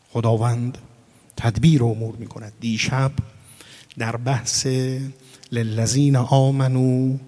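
A man preaching a religious lecture, his medium-pitched voice trailing a long reverb through a large space. He expounds with sudden emphatic rises and hushed drops. He slips into a chanting cadence for scripture.

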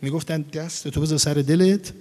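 A man giving a religious lecture to a gathering, expounding with sudden emphatic rises and hushed drops and reciting scripture in a chanting cadence. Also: fairly high pitch, fairly even intonation. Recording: long hall reverb.

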